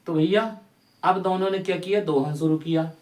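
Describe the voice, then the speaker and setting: A man's voice: high voice, steady tone, moderate pace, darkish tone, roomy sound. A man teaching a lesson as a story, now and then singing and acting out the characters, speaking to his students as children. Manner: sings, acts out characters, addresses students as beta.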